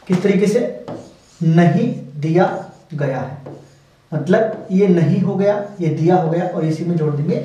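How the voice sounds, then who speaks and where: A high-pitched man teaches steno, working through outlines slowly, with repetition and drawn-out pronunciations of sample words. He sounds distant from the microphone in an echoing room.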